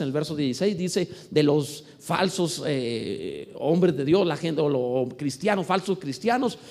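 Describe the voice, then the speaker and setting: Animated, high-voiced preaching man. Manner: animated preaching with swings from shouting to quiet asides; repeats words and restarts often. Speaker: pastor. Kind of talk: sermon.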